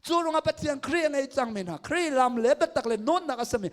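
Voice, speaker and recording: A man, a pastor, preaching a sermon at a crusade and swinging between loud and hushed delivery. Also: very high voice, expressive, fast.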